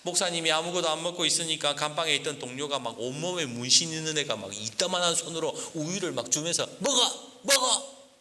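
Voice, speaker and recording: Forceful, bright-voiced male pastor preaching. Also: a little high, fast talker, hardly any pauses. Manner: lively, acts out quoted voices. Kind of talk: storytelling sermon. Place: church sanctuary. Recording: church hall reverb, faint hiss.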